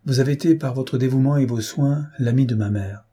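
A man's voice: mid-range voice, fairly quick, dark tone, husky, natural voice. A man reading aloud and voicing a grave young woman who speaks with firm, solemn resolve. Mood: pleading.

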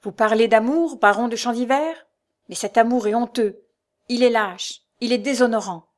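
A woman's voice: medium pitch, moderate pace, darkish tone, lightly acted. A woman voicing a proud old baron in a storybook, raging at his son with vehement, commanding force. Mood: furious.

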